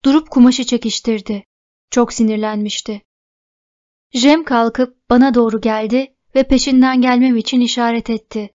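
A woman narrating a first-person novel in a fairly high voice. She tells the story steadily as an audiobook reader. The sound is dull and lo-fi. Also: fairly even intonation, normal speed, a little mellow.

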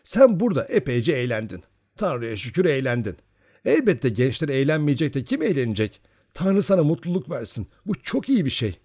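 A man's voice: medium pitch, sing-song, brisk, a little mellow, voice pushed up. A man voicing a caring old Cossack mother in an audiobook, fussing and giving advice. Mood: fond advising. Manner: fussing, pleading, advising. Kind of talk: audiobook character voice.

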